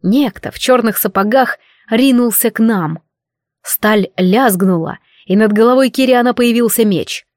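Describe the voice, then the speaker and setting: A woman narrating a first-person novel as an audiobook, with a steady, even delivery. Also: on the high side, unhurried, no echo, clean studio sound.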